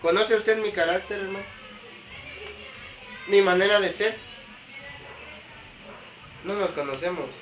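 A man's voice: high voice, unhurried, long pauses, faint music behind. A man preaching a sermon to a small congregation, questioning listeners directly and rising to emphatic peaks. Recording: echoey room, dull lo-fi sound.

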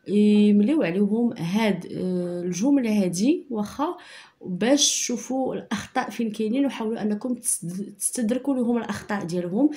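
A woman with a Moroccan Arabic accent teaching a primary school spelling lesson, repeating points patiently and dictating sentences slowly. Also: mid-range voice, warm tone. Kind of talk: online lesson explaining handwriting and spelling.

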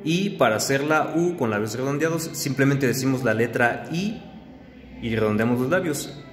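A man teaching pronunciation slowly and carefully, demonstrating each sound. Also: medium pitch, expressive, faint music behind. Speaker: language teacher. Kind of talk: slow pronunciation lesson. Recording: long reverb with faint background noise.

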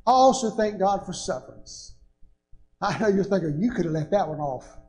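A man's voice: sits high, lively intonation, normal speed, darkish tone, slight background noise. An older man, preaching a sermon from a church pulpit with rising, emphatic bursts. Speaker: pastor. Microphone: pulpit microphone. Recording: echoey church sanctuary.

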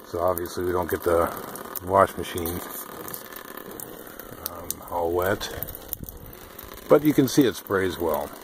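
A man's voice: deep voice, noisy background. A man casually walking through a DIY project outdoors at a rural homestead, talking behind a handheld camera with lots of ums. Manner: unhurried, many ums, explains while filming. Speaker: off-grid DIY vlogger. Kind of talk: casual how-to walkthrough.

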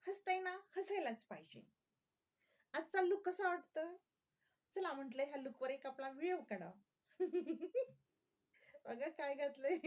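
A woman's voice: sits high, a little mellow. A woman vlogger chatting casually to her viewers, often laughing and asking them questions.

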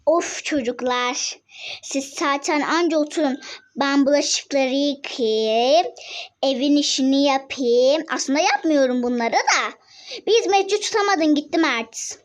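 A woman's voice: high voice, moderate pace, a bit bright. A girl voicing a busy young mother in a doll-game role-play, fussing at her kids and nagging about chores. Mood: fed-up. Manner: scolding, fussing.

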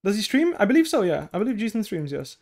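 In a high, very animated voice with a little mellowness, a young man whose native language is Dutch moves at a quick pace. He coaches through a relaxed stream from a desk headset in a small room, answering chat and guiding step by step with a steady stream of okays.

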